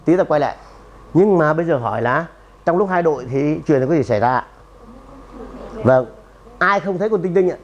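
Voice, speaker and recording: A man giving a lively seminar talk to an audience, emphatic and punchy, often firing questions at the room. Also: a little high, moderate pace, long pauses, highs cut off. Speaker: seminar speaker and trainer.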